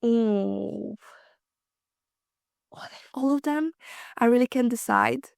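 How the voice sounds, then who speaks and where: The speaker is a podcast guest in her twenties, Slovak by origin and a native Hungarian speaker, whose slightly high voice moves slowly and carries vocal fry. She fills her casual answers with ums and gentle laughter. The sound is dry and studio-clean.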